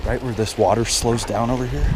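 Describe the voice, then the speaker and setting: A man filming a casual fishing vlog outdoors by a mountain stream, talking excitedly to his viewers. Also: mid-range voice, fairly quick. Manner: excitable, talks straight to viewers. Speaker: fishing vlogger. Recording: outdoor footage with steady stream noise.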